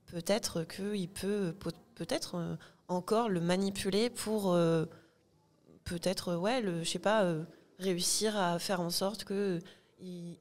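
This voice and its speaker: A woman appears as a guest on a podcast recorded live. Her voice sits on the low side, and she thinks aloud tentatively, stopping often to hesitate and hedge. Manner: tentative, thinking aloud with many "je sais pas" and "euh". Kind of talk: casual discussion before a live audience.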